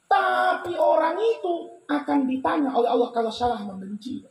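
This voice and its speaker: A male preacher telling a funny story in a sermon, joking and animated as he retells it. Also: extremely high pitch, moderate pace. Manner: lively, jokey, animated retelling. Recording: roomy with faint hum.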